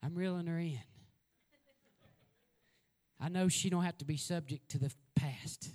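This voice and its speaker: Male evangelist, high voice, folksy storyteller who builds to loud exhortation. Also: measured pace. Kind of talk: sermon.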